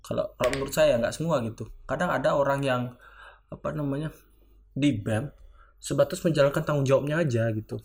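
A man's voice: medium pitch, fairly quick, darkish tone. A young man, a student organization leader, answering interview questions in a rambling way, full of filler tags. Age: young adult.

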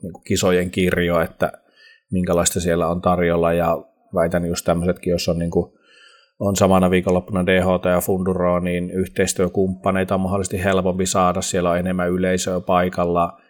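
A man with a very deep voice that barely moves in pitch, speaking in a flat monotone. He talks in a casual podcast chat, explaining earnestly and correcting himself along the way. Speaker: podcast guest.

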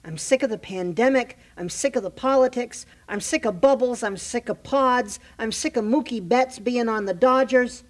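A woman's voice: on the high side, normal speed, hardly any pauses. A woman hiding under a table in a scripted radio comedy bit, complaining wearily that she is fed up. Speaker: house manager of a radio variety show.

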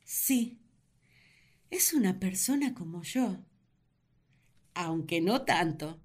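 A woman's voice: fairly low pitch, takes it slowly. A woman voicing Eve, the curious and talkative first woman, narrating her thoughts. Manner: chatty, wondering, expressive. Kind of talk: radio drama narration.

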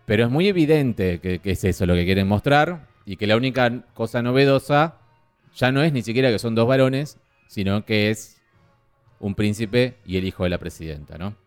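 A man co-hosting a casual film-review podcast, chatty and lively. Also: fairly low pitch, moderate pace, smooth, faint music behind. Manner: lively, chatty, mimics voices mockingly. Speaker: podcast co-host.

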